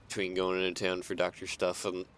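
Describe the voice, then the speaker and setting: Over soft background music and a slight bit of noise, a low-voiced man streams a game and rambles casually about what he's building. He's tired, yawning, chuckling frequently, and thinking out loud the whole time.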